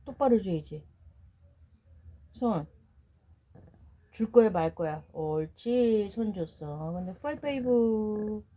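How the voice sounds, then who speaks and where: A woman's voice: medium pitch, lively intonation, slow pace, long pauses, dark tone. A middle-aged woman at home, cooing to her pet dogs in playful baby talk and repeating words over and over.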